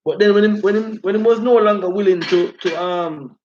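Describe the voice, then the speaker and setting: High-pitched man, rasta-style talk. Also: fairly quick, a little mellow, highs cut off, slight background noise. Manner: repeatedly checks listeners follow. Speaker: host of a live talk stream. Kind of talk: informal live commentary, reading out viewer comments.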